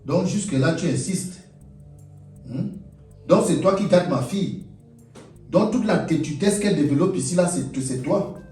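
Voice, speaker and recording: Speaking slowly with long pauses, this man has a slightly high, mellow voice and acts only lightly. He has a Cameroonian French accent and plays a stern, blustering older stepfather in a comedy web series, scolding over and over, repeating himself and issuing demands. There's a roomy echo, he sits far from the mic, and light music plays.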